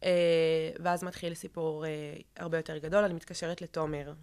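A young woman telling a guest's personal story in an interview, halting, with many fillers and restarts. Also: low-pitched, little pitch movement, darkish tone. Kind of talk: emotional personal account in an interview.

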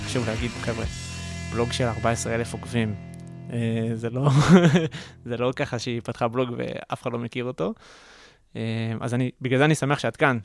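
A man hosting a casual radio-studio podcast interview, eager and excitable, with rambling questions. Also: mid-range voice, creaky, soft background music. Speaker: podcast host.

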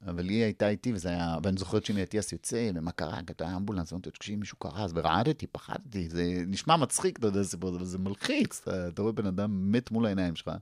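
A man's voice: few pauses, no echo, studio quality. A middle-aged man, a comedian, telling stories in casual chat and acting out quotes with big jumps in his voice. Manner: animated, acts out quotes with big pitch jumps. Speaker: guest comedian. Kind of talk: casual storytelling.

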